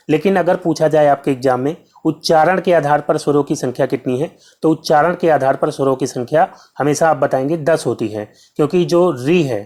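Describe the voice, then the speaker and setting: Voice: mid-range voice, a little mellow. Teacher drilling questions and answers. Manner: heavy use of filler "जो है". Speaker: Hindi teacher. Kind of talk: exam-prep lesson.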